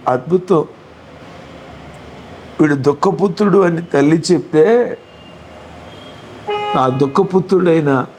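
A man's voice: a little high, a little mellow, slight background noise. A male pastor with a Telugu accent, preaching a sermon with passion and asking the congregation question after question.

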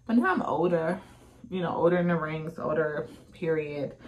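Brief: thirties woman, deep voice, chatty vlogger talking to camera at home. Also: moderate pace, slight background noise. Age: 30s. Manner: chatty, talks straight to viewers. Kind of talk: casual vlog chat. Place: home room, indoors. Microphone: phone or camera at close range.

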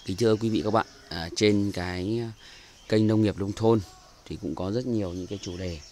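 At normal speed, a man with a fairly low, darkish voice and steady tone narrates a casual walkthrough of his outdoor aviary. His Northern Vietnamese-accented chatter is full of fillers and repetition, recorded on a handheld camera mic with a little hiss or hum.

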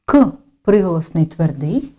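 A woman teacher narrating a lesson in a slow, careful, deliberate way. Her voice is mellow and soft-edged, and her pitch moves freely up and down as she stresses each step. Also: very animated.

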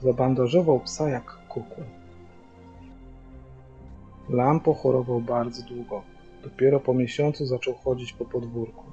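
A man reads a children's book aloud at a steady, even pace, with a middle-pitched voice. The sound is dull and lo-fi, picked up through a hearing aid, and faint music plays underneath. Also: a little slow, long pauses. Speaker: father reading aloud.

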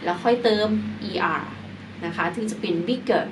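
A woman's voice: medium pitch, normal speed. Female teacher, patient explainer, spells words out; recorded off-mic with audible noise. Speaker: English teacher. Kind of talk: explaining grammar lesson. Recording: distant mic with clear background noise.

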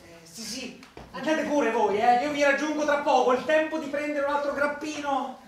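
Guy acting out a jumpy guilty pal, highish voice, echoey stage from far off. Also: moderate pace, slight background noise. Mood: lamenting. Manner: flustered, pleading. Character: Saverio, nervous guilty friend. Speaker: stage actor. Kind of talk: live stage comedy. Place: theatre stage.

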